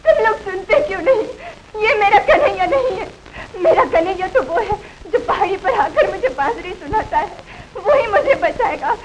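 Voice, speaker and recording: A woman's voice: very high voice, lively intonation, normal speed, background noise. An actress playing an accused young village woman, insisting desperately on a man's innocence in a 1950s film. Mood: insistent. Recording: old film soundtrack with crowd. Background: film score and crowd.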